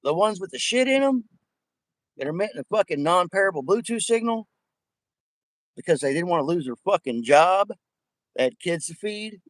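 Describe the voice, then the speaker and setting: A man's voice: high voice, lively intonation, moderate pace, long pauses, no room sound. A man with missing front teeth in a casual, profanity-laden rant, talking in a rambling, emphatic, repetitive way. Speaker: vlogger addressing viewers.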